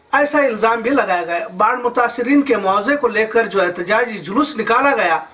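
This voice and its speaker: A man's voice: high voice, bright, forceful tone, recorded from a distance. A man in his thirties reading a news report as anchor, with formal Urdu-flavored delivery in a studio.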